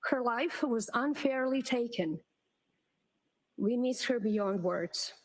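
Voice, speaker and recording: A woman in a courtroom recording, reading a prepared impact statement at the witness stand in a measured, solemn way. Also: on the high side, low-quality recording. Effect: courtroom audio feed played on a livestream. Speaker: victim's sister giving an impact statement.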